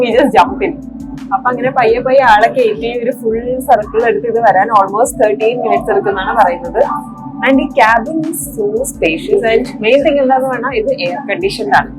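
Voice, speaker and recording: A woman's voice: fairly high pitch, normal speed, low-quality recording. A woman with a Malayali accent giving casual travel vlog narration, switching between Malayalam and English mid-sentence. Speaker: travel vlogger. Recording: music under the voice.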